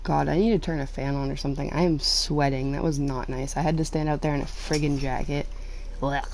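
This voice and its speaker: A woman's voice: sits low, steady tone, a little fast, darkish tone, a little hiss or hum, rough recording. A woman streamer, out of breath, ranting casually to her chat on a headset mic and acting out quotes as she tells a story.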